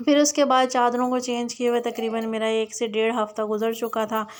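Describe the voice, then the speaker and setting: A woman's voice: fairly high pitch, little pitch movement, a little fast. A young adult woman chatting in a rambling way as she narrates her daily home vlog, with many fillers and restarts. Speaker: vlogger.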